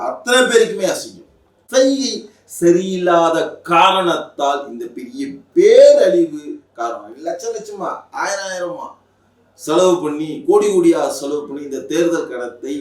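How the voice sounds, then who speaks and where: A man's voice: on the high side, echoey room, recorded from a distance. A man giving a heated, mocking political rant, talking with angry emphasis. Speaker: political commentator.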